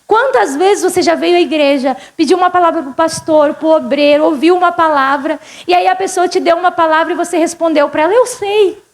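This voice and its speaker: Uma pastora gaúcha de voz bem aguda prega num culto. Ela fala com a congregação como numa conversa e faz perguntas o tempo todo. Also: female voice, very high-pitched, a little fast, hardly any pauses. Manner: conversational, questions the congregation often. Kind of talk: sermon. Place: church service.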